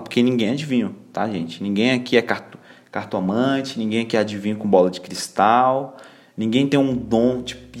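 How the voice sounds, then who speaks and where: Laid-back young Brazilian man, slangy chat. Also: mid-range voice. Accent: Brazilian Portuguese. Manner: chatty, laid-back, heavy on slang fillers. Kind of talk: casual devotional reflection.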